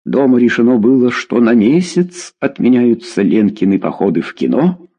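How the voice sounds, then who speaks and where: A man narrating a story aloud in an expressive, measured manner. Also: mid-range voice, slightly rough. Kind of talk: audiobook narration.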